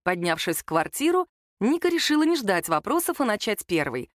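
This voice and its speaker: Expressive woman narrating an audiobook. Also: medium pitch, brisk, no room sound, studio quality. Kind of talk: scripted narration.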